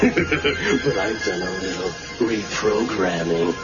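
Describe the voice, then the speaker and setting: A man's voice: lowish voice, animated, takes it slowly. A man playing a gloating, sly computer virus villain in a scripted drama, taunting and cackling with menace. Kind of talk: scripted film or game villain acting. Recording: dull sound under loud music.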